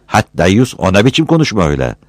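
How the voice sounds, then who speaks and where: A man playing a sharp-tongued village housewife. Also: on the low side, huge pitch swings, no room sound, clean studio sound, pitched above the performer's own voice. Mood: scolding. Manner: scolding, quick and hushed warnings.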